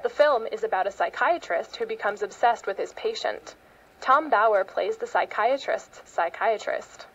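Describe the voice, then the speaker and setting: A woman's voice: mid-range voice, moderate pace, muffled recording. An American woman reading a scripted news feature as a public radio host and reporter.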